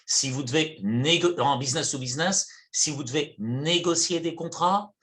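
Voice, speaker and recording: A French man explaining his points in a measured way during a panel discussion. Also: a little high, a bit bright. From France.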